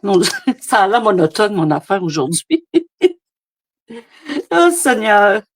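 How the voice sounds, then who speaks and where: A woman's voice: mid-range voice, big pitch swings, slow pace. A woman with a Québécois French accent, demonstrating card making in a casual, rambling live chat full of fillers. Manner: chatty, rambling, many fillers. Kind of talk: casual live craft demo. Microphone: phone camera.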